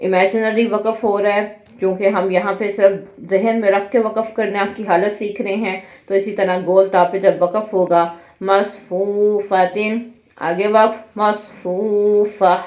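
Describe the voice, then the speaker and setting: Woman Quran reading teacher, spells out each syllable slowly, muffled echoey room recording. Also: medium pitch, flat delivery, darkish tone. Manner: spells out each letter and vowel mark, then blends the word. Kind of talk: slow syllable-by-syllable drill with spoken explanations.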